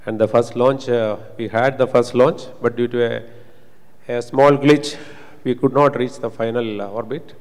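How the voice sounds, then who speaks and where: Formal, hesitant panel moderator. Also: male voice, medium pitch, steady tone, moderate pace, darkish tone. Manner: formal, hesitant, with many uhs. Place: large conference hall stage, indoors. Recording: long reverb of a conference hall.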